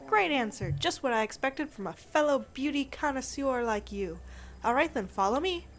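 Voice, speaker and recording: A woman's voice: high voice, expressive, moderate pace, soft background music. A woman reading as a chatty old traveling artist. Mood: eager. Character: elderly male traveling artist, cheerful and chatty.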